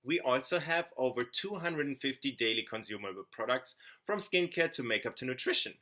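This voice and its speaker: A young man from Germany with a German accent, a network marketing consultant earnestly giving an upbeat sales pitch. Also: lively intonation, fairly quick, pushed and bright. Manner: earnest, upbeat, with small slips and restarts. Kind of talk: scripted sales pitch to camera.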